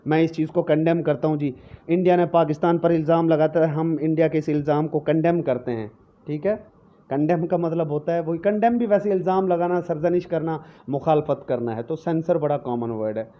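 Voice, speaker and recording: A man teaching English vocabulary in a recorded lecture, explaining each word slowly with many repetitions and frequent check-ins. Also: a little high. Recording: dull lo-fi lecture recording with faint noise.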